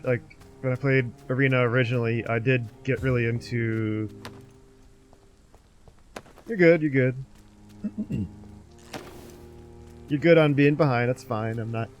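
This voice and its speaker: A man's voice: mid-range voice, brisk, soft background music. Rambling male game streamer. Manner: rambling, talks to the game and chat. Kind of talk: casual live gameplay commentary.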